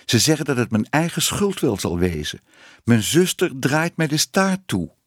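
A man voicing a young female cat turned into a woman, speaking meekly and pleadingly, raised in pitch, in a storybook reading. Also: big pitch swings, moderate pace, dry recording, studio quality. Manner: meek and pleading.

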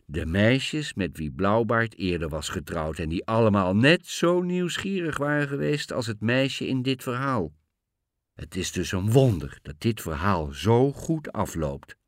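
A man reading a fairy tale aloud in a lively, expressive way. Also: on the low side, unhurried, no echo, clean studio sound. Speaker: storyteller.

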